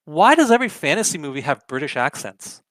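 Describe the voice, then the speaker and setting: A man's voice: on the high side, big pitch swings, quick pace, fairly bright tone, dry recording. A young adult man hosting an opinionated commentary show, arguing emphatically with lots of rhetorical questions. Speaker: political commentary host.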